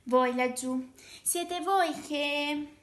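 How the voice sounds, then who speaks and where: A woman voicing a small, indignant mole in a storybook, questioning the other animals in a high, loud, exclaiming voice. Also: extremely slow, exaggerated voice. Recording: echoey room.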